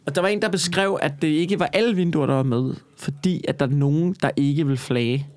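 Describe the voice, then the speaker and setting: A man co-hosting a podcast in casual chat, animated and emphatic, with frequent swearing. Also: a little high, no room sound. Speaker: podcast co-host.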